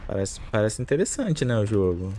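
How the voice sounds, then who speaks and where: A man's voice: on the low side, very animated, moderate pace, mellow. A man in his forties with a Brazilian Portuguese accent, giving casual live game commentary. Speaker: game streamer. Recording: clear game noise behind voice. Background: video game ambience.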